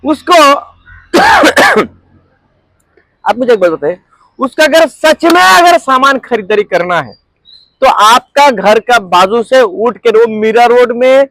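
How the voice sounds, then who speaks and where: A man's voice: extremely high pitch, very animated, takes it slowly, long pauses, a bit bright, dry recording, rough recording. A man leads a network marketing seminar, constantly quizzing his audience and drawing call-and-response answers. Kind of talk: interactive seminar talk. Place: training room with a group audience.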